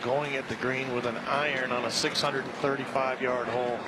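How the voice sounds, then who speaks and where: A man's voice: medium pitch, little pitch movement, brisk. A man giving conversational golf analysis in short remarks during live commentary. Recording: noisy outdoor broadcast with crowd. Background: loud crowd and outdoor ambience.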